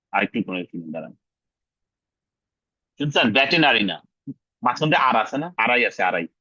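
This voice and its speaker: A male English teacher running a class, drilling pronunciation and repeating words slowly while mixing English into his casual talk. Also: medium pitch, bright, forceful tone, no room sound, dull audio. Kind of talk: online class lesson.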